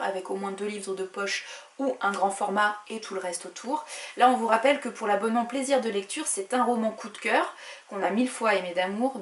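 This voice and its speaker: A woman book vlogger casually reviewing a subscription box, chatting freely with frequent fillers. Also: fairly high pitch. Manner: chatty, many "euh" and "voilà". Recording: echoey room.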